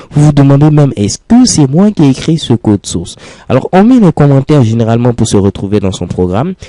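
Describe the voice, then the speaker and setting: Guy doing a coding screencast, calm step by step explaining, mellow low tone, dry close sound. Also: no echo. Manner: patient step-by-step explaining, repeats phrases. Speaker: programming teacher.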